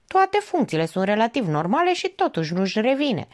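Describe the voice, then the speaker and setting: A woman voicing a tired, level-headed male doctor who speaks in calm questions, in an audiobook. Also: a little high, pitched above the performer's own voice. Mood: weary.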